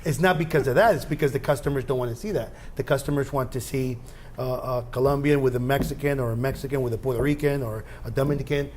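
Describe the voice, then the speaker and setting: A man as a studio guest, talking in halting bursts and often restarting his sentences. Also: mid-range voice, steady tone, darkish tone, slight background noise. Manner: halting, restarts often while searching for words. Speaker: guest candidate. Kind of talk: casual interview talk.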